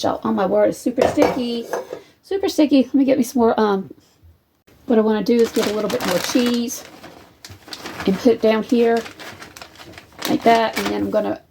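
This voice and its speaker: A woman's voice: fairly high pitch, normal speed, creaky, long pauses, background noise. A woman hosting a casual cooking video in her home kitchen, rambling in a chatty way and calling her viewers y'all. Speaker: home cook, channel host.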